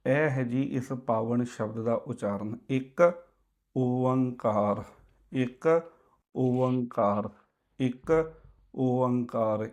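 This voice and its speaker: A man teaching the pronunciation of a sacred word. He repeats it in slow, drawn-out recitation and explains it patiently. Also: medium pitch, darkish tone. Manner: slow drawn-out demonstration chanting. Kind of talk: recitation lesson.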